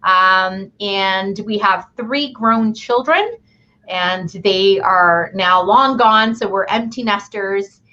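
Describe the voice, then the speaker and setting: A woman in her fifties, born in Chile, chatting as a guest on a video call in a friendly, thoughtful way with pauses. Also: medium pitch, pushed and bright, a little hiss or hum. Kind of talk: casual video call chat. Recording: dull lo-fi call audio.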